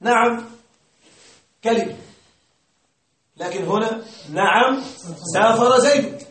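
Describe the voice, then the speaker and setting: In a classroom grammar lecture, a man whose voice sits high keeps asking questions out loud and answering them on his own. Picked up by a distant mic in a roomy space, the recording carries a little hiss or hum.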